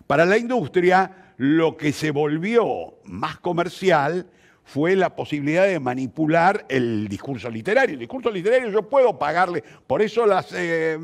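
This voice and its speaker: An older man with a Rioplatense Argentine Spanish accent and a fairly high, very varied voice appears as an interview guest, teaching as he talks. A theatre practitioner, he explains reflectively in a didactic, emphatic manner full of rhetorical questions.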